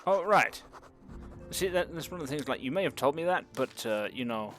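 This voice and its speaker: A man's voice: on the high side, expressive, fairly quick, fairly bright tone, soft background music. A young man streaming a game, bantering sarcastically and reading the on-screen dialogue in a mock-formal voice. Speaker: streamer playing a game for the first time. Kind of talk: casual live-stream banter.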